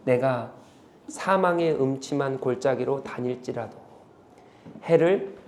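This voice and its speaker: A male pastor preaching a sermon, moving between quiet, earnest stretches and loud, impassioned climaxes. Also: mid-range voice, slow pace, slight background noise.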